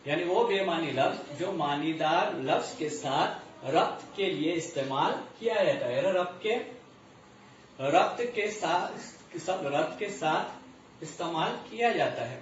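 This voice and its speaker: A man's voice: fairly high pitch, slight background noise. Man teaching grammar in an echoey room. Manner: repeats terms slowly, asks and answers his own questions. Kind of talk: grammar lesson. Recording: muffled echoey distant recording.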